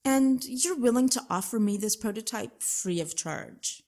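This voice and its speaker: A woman plays a wealthy, haughty plantation owner in an audio drama, speaking in a formal, measured way with quiet menace. Her voice is fairly high, and her mood comes across as guarded and businesslike.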